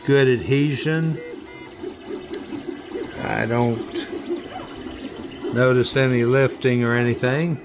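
A man running a 3D print farm, talking slowly and plainly step by step while he works in a workshop full of printers. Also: mid-range voice. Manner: slow, plain step-by-step explaining while working. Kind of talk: hands-on workshop demonstration.

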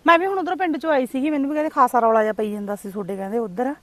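A woman's voice: sits high, racing. A woman playing a kind neighbour in a family drama, talking in a soothing, consoling way. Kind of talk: amateur family drama acting.

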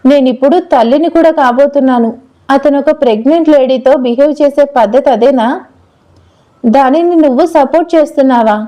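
A woman's voice: high voice, a little fast, mellow, muffled recording, natural voice. A woman doing a troubled pregnant young woman. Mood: angry. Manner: sad, then irritated.

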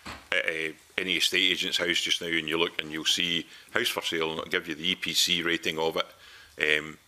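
A middle-aged Scottish man with a very low, flat voice and a bright, forceful edge. He speaks earnestly and persuasively at a committee table into a desk microphone. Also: a little fast. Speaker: committee witness. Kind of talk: parliamentary committee evidence. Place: large committee room.

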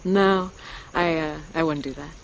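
A woman's voice: low voice, unhurried, low-quality recording. An actress playing a wry, brave young woman in a video game, casual and teasing. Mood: wry, relieved.

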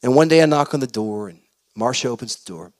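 Animated, storytelling male preacher. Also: mid-range voice, fast talker. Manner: animated, shifting loud and soft. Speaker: pastor. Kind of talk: storytelling sermon.

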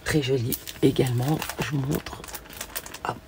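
Older female craft vlogger with a hoarse, gravelly voice and a chatty, gushing manner, recorded at home with a noisy track and clicks. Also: very deep voice, fairly even intonation, a little slow. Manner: chatty, gushing, frequent fillers. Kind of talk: casual show-and-tell haul.

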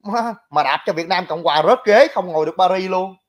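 Blunt high-voiced man. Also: fairly quick. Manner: blunt, mocking, talks to viewers directly. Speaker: livestream commentator. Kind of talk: casual political commentary.

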